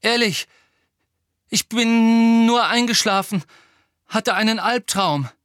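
A man's voice: medium pitch, normal speed, a bit bright, slightly rough, no room sound, clean studio sound. A male audiobook narrator voicing a frightened teenage boy wizard who stammers and pants out urgent words. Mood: stammering. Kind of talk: audiobook character voice.

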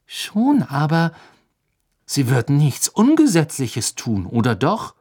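A man's voice: a little high, huge pitch swings, slow pace, a little mellow, breathy edge, voice pushed up, full character voice. A man voicing an anxious, bookish teenage girl in an audiobook, speaking in an urgent, insistent way. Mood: worried.

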